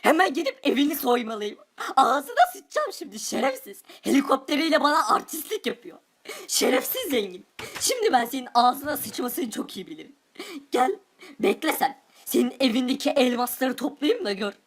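A woman's voice: sits high, big pitch swings, moderate pace, full character voice. A woman playing an envious, bitter poor villager. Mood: bitter vengeful. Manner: wistful, then bitter and cursing. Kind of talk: Minecraft role-play commentary.

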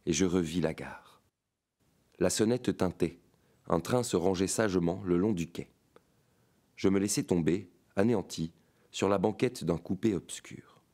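Deep-voiced man reading a tale. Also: dark tone. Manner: measured, dramatic storytelling. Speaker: reader of a short story. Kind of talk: audiobook narration.

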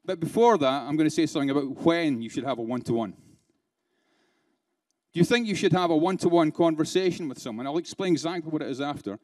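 A man's voice: a little high, expressive, fast, a little mellow. A man with a slightly raised voice delivers a keynote to a live audience. He is interactive and playful, firing rhetorical questions at the crowd and chuckling between points. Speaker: keynote speaker. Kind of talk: conference keynote speech. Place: conference hall with a live audience.

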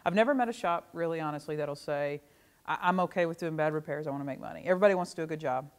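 A young man moderating a panel, brisk and leading, on a handheld mic in a showroom. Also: a little high, clear, resonant tone. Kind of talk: panel discussion. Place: car dealership showroom.

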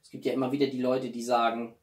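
A YouTube host chats casually and expressively to camera from his small living room. He talks fast, with a mid-range voice and a level tone, picked up by a distant mic with roomy echo.

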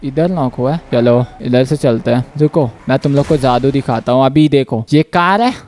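A man giving playful, jokey gameplay commentary as a gaming channel host, with sudden bursts of yelling. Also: mid-range voice, normal speed, slight background noise.

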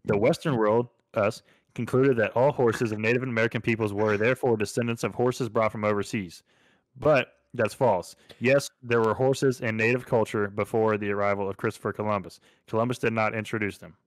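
A man's voice: on the low side, steady tone, brisk, no room sound. A man co-hosting a casual podcast, chatting and joking with friends, often laughing and acting out silly quoted voices. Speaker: podcast co-host. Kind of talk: casual chat.

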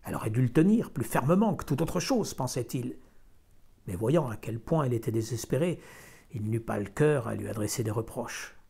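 A man reading a folk tale aloud in a calm, measured way. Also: medium pitch, vocal fry, slightly rough. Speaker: reader. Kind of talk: storybook reading.

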